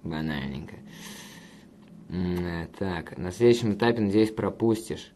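A man's voice: deep voice, moderate pace, warm tone, a little hiss or hum. A man hosting a casual livestream, reading viewer comments and bantering with profane, rambling jokes. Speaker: livestream host reading chat.

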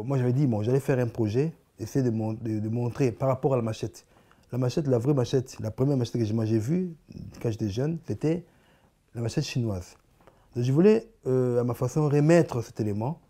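An artist from Congo (Kinshasa) answers interview questions indoors in a living room, speaking with a Congolese French accent in a dark, medium-pitched voice. He is halting, repeating many words and restarting often, while gesturing animatedly with his hands.

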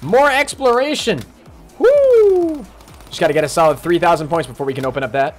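A man commentating his live game stream, chatting along and greeting viewers by name with sudden excited outbursts. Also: on the high side, racing, soft background music.

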